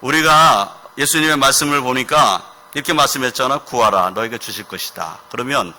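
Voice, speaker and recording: A man's voice: mid-range voice, brisk, sharp tone. A male pastor giving a sermon to children and students in a church, asking them questions and answering them himself.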